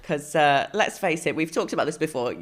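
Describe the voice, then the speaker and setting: A woman's voice: deep voice, expressive. A woman hosting a podcast interview, chatting casually and encouragingly while losing her voice. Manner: encouraging, quick to react with short interjections. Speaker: podcast host.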